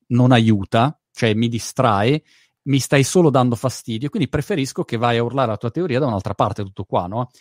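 A man's voice: medium pitch, a little mellow, dry recording, studio quality. A man talking frankly in a casual conversation as a video creator, with informal swearing and a plain everyday delivery. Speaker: YouTuber guest.

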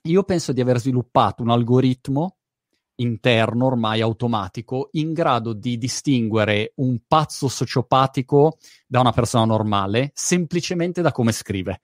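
A man's voice: mid-range voice, moderate pace, dry recording, clean studio sound. A man talking frankly in a casual conversation as a video creator, with informal swearing and a plain everyday delivery. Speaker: YouTuber guest.

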